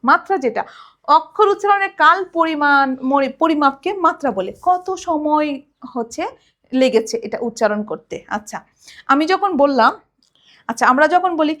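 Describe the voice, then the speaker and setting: A woman's voice: high voice, expressive, normal speed, fairly bright tone. A woman college lecturer from Bangladesh, giving a recorded lesson and explaining step by step, often asking a question and answering it herself. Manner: recites children's rhymes to show rhythm.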